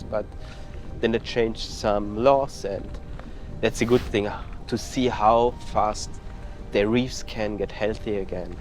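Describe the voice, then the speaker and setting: Unhurried man with soft music behind. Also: on the low side. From Austria. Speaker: dive guide. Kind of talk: documentary interview.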